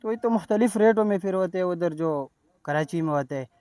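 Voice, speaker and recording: A man's voice: high-pitched, fairly quick, darkish tone, no room sound. A man with a Pakistani accent who runs a clothing stall, explaining prices at length. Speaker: jacket stall owner. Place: outdoor street market.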